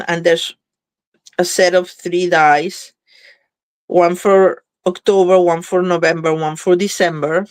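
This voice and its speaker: A woman with a fairly low voice and a slightly stuffy nose chats casually while demonstrating card making live, thinking out loud as she works. The recording has no echo.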